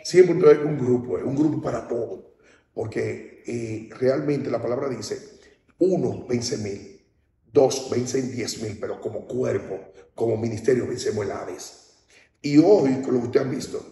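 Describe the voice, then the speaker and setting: Preaching at a baptism in a big hall, this male pastor from the Dominican Republic keeps his sermon conversational, repeatedly asking "¿entiendes?" to make sure listeners understand. His mid-range voice has a dark tone and a moderate pace, recorded far from the microphone with heavy echo.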